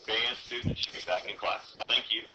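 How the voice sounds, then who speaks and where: A man making a polite school announcement heard over an intercom loudspeaker. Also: mid-range voice, fairly even intonation, moderate pace, muffled recording. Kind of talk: public announcement. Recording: distant noisy intercom speaker in a classroom.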